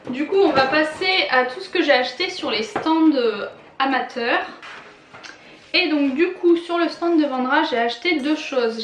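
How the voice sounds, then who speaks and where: A woman's voice: high-pitched, echoey room, slight background noise. A young woman chatting enthusiastically as she shows off her purchases in a casual vlog, with many fillers and laughs. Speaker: vlogger.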